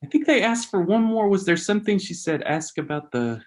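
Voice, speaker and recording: A man's voice: high-pitched, very animated, a little fast. A male author in a casual conversation, talking in a rambling way full of fillers over a video call. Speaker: author and guest.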